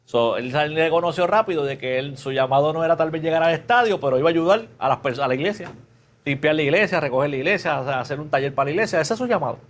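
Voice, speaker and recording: A man preaching in a relaxed, conversational way, teaching a Bible class and often asking the listeners questions. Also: fairly high pitch, fast. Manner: casual, chatty, asks the class questions; mixes English fillers into Spanish.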